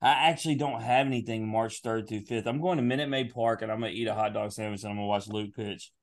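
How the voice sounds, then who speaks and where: A man co-hosting a casual podcast chat, teasing the guest in an excitable way. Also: fairly low pitch, quick pace. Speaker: podcast co-host.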